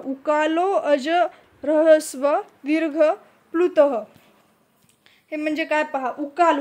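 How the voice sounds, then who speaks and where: A woman's voice: high-pitched, a little mellow. A woman teacher explaining grammar step by step, asking questions and answering them herself. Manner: asks questions and answers them herself, repeats key terms.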